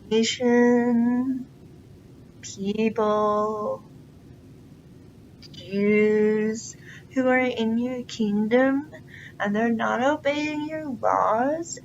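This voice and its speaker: A woman's voice: on the high side, extremely slow, pauses often, highs cut off, slight background noise. Woman playing a haughty, petulant villain counselor. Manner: haughty, whiny, demanding. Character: arrogant, petulant male royal counselor.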